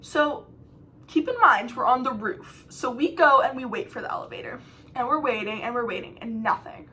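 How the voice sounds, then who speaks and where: A young woman vlogger telling travel stories in a chatty, dramatic way, swinging between loud exclamations and hushed asides. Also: on the high side, expressive, normal speed, a little hiss or hum. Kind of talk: storytime vlog, casual storytelling.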